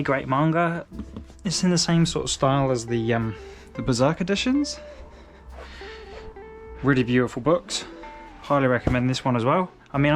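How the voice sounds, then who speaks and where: A young English man chatting casually at home as he organises his manga shelves, relaxed and rambling with frequent restarts. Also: mid-range voice. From England. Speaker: manga collector vlogger. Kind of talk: casual chat.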